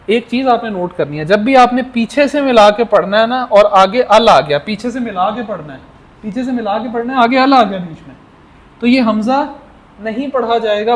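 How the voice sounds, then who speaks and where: High-voiced man teaching a class. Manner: drills by repeating questions to students; addresses the class as children. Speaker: Arabic teacher. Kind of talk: classroom lecture.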